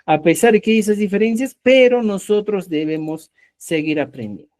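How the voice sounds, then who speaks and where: A man's voice: high voice, animated, moderate pace, darkish tone. Man teaching. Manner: explanatory, checks in with frequent "¿ya?". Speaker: Quechua teacher. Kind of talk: live online class.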